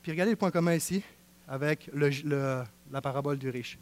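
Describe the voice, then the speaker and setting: A man preaching a sermon with a Quebec French accent, swinging from hushed passages to fervent exclaiming. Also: on the high side, brisk. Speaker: pastor.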